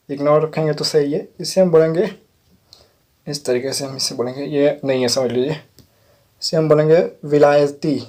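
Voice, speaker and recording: A man's voice: fairly high pitch, mellow. A man teaching English vocabulary, spelling each word letter by letter and checking in with "theek hai" as he patiently explains it. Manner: repeats "theek hai" often. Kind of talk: vocabulary lesson.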